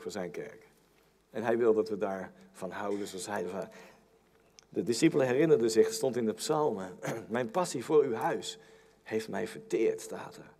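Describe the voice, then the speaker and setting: Animated, slightly hoarse man preaching. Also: medium pitch. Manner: earnest, repetitive restarts, animated delivery. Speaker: pastor. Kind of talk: sermon. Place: church hall. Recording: long church-hall reverb.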